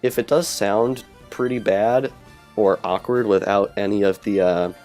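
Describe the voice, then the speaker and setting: Recorded on a cheap earbud headset with game music in the background, this lo-fi clip has a let's play commentator chatting casually over his gameplay. He rambles and corrects himself. His voice sits on the low side with a steady tone and a darkish color, and he takes his time.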